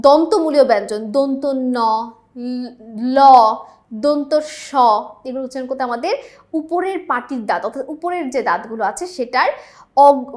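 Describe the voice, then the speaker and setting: A woman teacher going through multiple-choice exam questions, explaining each answer patiently and often checking in with her students. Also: sits high.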